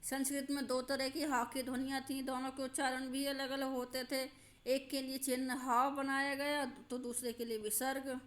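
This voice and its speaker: A woman teaching a grammar lesson, slowly and patiently, repeating examples and checking that her students understand. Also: sits high, little pitch movement, a bit bright.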